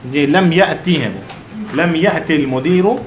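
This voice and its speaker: Higher-voiced man teaching grammar in an echoey room. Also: takes it slowly, noisy background. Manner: quizzes students, corrects patiently. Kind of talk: online Arabic grammar class.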